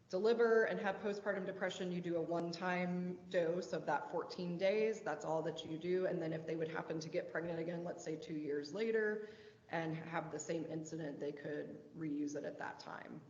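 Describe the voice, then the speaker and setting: A woman's voice: lowish voice, moderate pace, a little mellow. Woman, meeting presenter, careful explanations, big hall echo, dull muffled sound. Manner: explanatory, hedging. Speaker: presenter of drug criteria. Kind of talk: meeting discussion.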